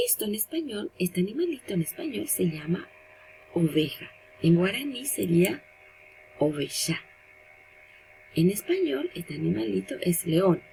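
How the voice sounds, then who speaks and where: A woman's voice: medium pitch, creaky, darkish tone, a little hiss or hum, rough recording. A woman teacher, giving a recorded language lesson and patiently explaining step by step while repeating the example words.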